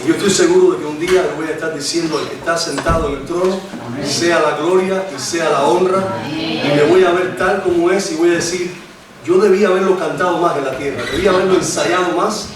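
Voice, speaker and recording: Over a crowd in the background, a Cuban lay preacher in his forties talks a little fast with a voice on the high side and fairly even intonation. His sermon and prayer are informal and hesitant, full of restarts, in a Cuban Spanish accent, captured by a distant mic in an echoey church hall.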